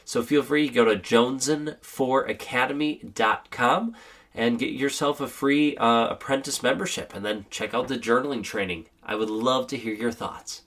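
A man hosting a motivational podcast, speaking in an encouraging, gently paced way while sick. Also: medium pitch, normal speed. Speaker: podcast host.

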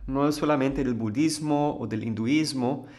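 A man teaches in a calm, explanatory way. He keeps posing rhetorical questions to his listeners and then answers them himself. His voice sits at an ordinary middle pitch for a man. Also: moderate pace. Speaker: spiritual teacher. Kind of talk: explanatory talk.

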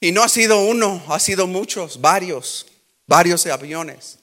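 High bright-voiced bilingual preacher man. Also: animated, unhurried. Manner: switches between Spanish and English, acts out Bible scenes with shouting. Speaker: pastor. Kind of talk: bilingual sermon.

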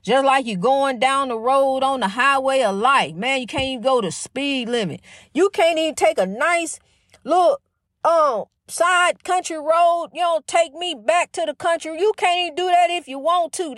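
A woman's voice: sits high, normal speed, a bit bright, no echo, studio quality. A middle-aged woman giving a casual spiritual pep talk, fervent, calling the listener honey with lots of you-knows. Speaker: inspirational speaker.

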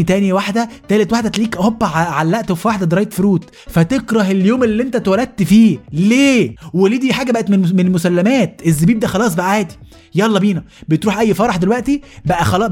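A man with an Egyptian accent hosting a comedic rant monologue, animated and exasperated. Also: high voice. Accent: Egyptian Arabic. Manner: animated, exasperated, rapid-fire. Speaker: host.

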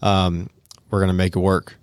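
A man's voice: sits low, monotone, moderate pace, clear, resonant tone, dry recording, studio quality. A man hosting a podcast in casual talk, his words slightly mumbled because his mouth is still numb after dental work. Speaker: podcast host. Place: podcast studio.

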